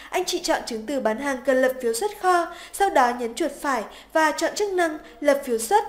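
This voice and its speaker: A woman with a high, light voice reads scripted instructions for a software tutorial. Her delivery is polite, even and methodical, walking the listener through each step. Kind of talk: scripted narration. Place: voice-over over screen recording.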